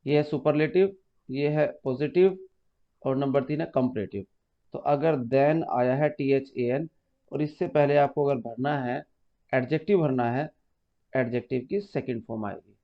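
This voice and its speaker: An unhurried man with a mid-range voice gives an exam-prep grammar lesson, patiently walking through each step. He repeats key terms and calls students "beta." The sound is muffled and lo-fi.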